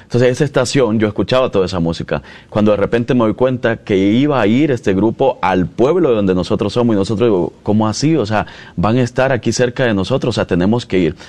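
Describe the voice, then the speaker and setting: A man's voice: lowish voice, fast, few pauses, a little mellow. A man in his thirties with a Salvadoran accent, telling his story as a radio announcer and interview guest, rambling with restarts. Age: 30s. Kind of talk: conversational interview.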